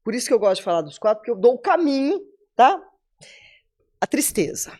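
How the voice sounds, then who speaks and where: Brazilian lady in her 70s, podcast guest, talks like she's teaching, pitch all over the place. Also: brisk. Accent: Brazilian Portuguese. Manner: animated, teaching, addresses listeners directly. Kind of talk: motivational talk in an interview.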